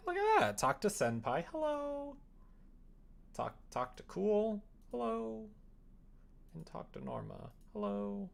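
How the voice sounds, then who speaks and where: With a medium-pitched, slightly bright voice carrying vocal fry, a streamer chats casually while live coding a visual novel. They mutter, reason aloud, and break into playful exclamations.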